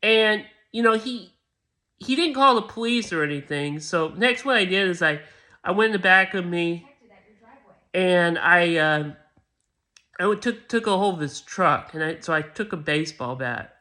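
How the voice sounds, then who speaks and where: A man telling a made-up story in a rambling, halting way, full of restarts. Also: on the high side, bright, forceful tone.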